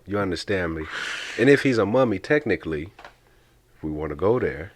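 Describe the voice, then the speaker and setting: A man's voice: sits low, expressive, fairly quick, a little hiss or hum. A man co-hosting a podcast in casual chat, joking and often stammering into restarts. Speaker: podcast co-host.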